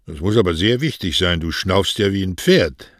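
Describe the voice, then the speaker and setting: A man voicing an older poet who speaks slowly and heavily in a radio reading. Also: low-pitched, lively intonation, no room sound, clean studio sound. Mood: dry. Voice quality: sluggish, heavy speech. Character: slow-spoken older male poet.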